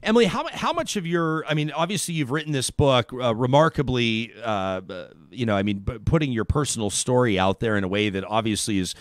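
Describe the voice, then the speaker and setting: A man's voice: medium pitch, expressive, a little fast, few pauses, no echo. A man in his forties hosting a live radio talk show, speaking earnestly and reflectively on a studio microphone, with some stammered restarts. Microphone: studio microphone with headphones.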